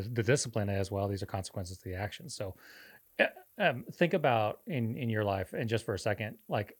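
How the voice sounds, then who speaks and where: A man's voice: lowish voice, breathy edge. A man co-hosting a podcast, explaining faith in an earnest, preacher-like way. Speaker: podcast co-host. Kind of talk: casual faith discussion.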